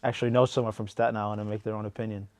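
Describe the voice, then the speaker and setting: A man's voice: on the low side, little pitch movement, racing, a little mellow. A young man giving casual, offhand interview answers. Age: young adult.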